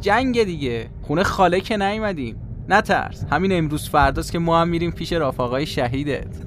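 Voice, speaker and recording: A man's voice: fairly high pitch, lively intonation, noisy background, close to an everyday voice. A man playing a cheerful, easygoing soldier. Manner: easygoing and teasing. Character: cheerful young male soldier comrade. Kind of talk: radio drama acting. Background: music.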